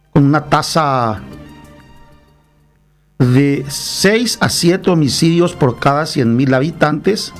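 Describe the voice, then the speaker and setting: A man with a Paraguayan accent giving a combative, emphatic opinion monologue as a political commentator. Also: a little high. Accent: Paraguayan Spanish. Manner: combative, emphatic, acts out little dialogues.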